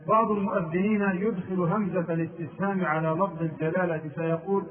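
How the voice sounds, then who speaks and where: A man's voice: high-pitched, fairly even intonation, quick pace. A man giving a religious lesson on mistakes in the call to prayer, chanting the phrases to show them. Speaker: religious teacher. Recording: tinny phone-like distant sound.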